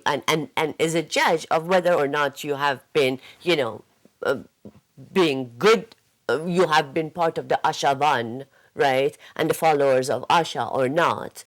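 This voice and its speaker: Woman with a low voice explaining, stops and restarts a lot. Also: a little slow. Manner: hesitant, restarting phrases. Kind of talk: explaining in an interview.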